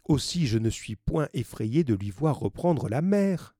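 A man's voice: mid-range voice, very animated, a little slow, mellow, breathy edge, no echo, studio quality, voice pushed up. A man reading the part of a blunt, protective Breton sailor, speaking in emphatic warnings.

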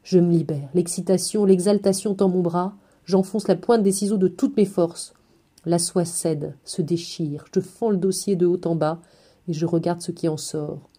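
Woman reading in a very dark, mellow voice. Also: fairly low pitch, steady tone. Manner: measured, phrase-by-phrase delivery with pauses. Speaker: reader. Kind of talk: literary reading aloud.

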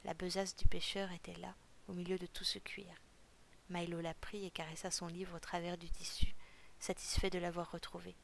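A woman reading a novel aloud for a podcast in a calm, steady storytelling voice. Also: fairly low pitch, moderate pace, creaky, slight background noise. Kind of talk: audiobook reading.

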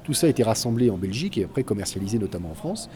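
A man's voice: on the low side, sing-song, racing, mellow, a little hiss or hum. A man giving an informal, explanatory account of history as a narrator.

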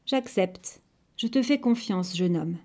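An icy, commanding goddess of the hunt, as a storyteller puts her on. She speaks with cold authority in a mellow, warm voice, clear and measured, as in a storybook reading. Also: fairly low pitch, expressive. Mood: curt.

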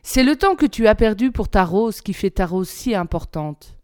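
A woman reading aloud, voicing a wise and tender fox who speaks calmly. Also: mid-range voice, moderate pace, dry recording, clean studio sound, close to an everyday voice.

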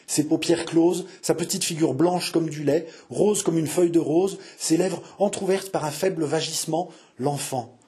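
Man, audiobook narration, mid pitch, measured, expressive, lingering phrasing.

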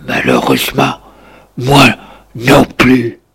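A man voicing a chapel priest, speaking low in a half-whisper. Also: level tone, takes it slowly, creaky, a bit bright, slightly rough, exaggerated voice. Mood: regretful. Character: hushed old village priest, grave.

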